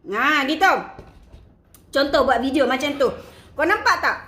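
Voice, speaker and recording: Chatty Malaysian woman, high and echoey. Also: lively intonation, unhurried, a bit bright. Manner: chatty, playful, code-switching with English, laughs often. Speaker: online seller coaching her team. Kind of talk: casual marketing tips talk.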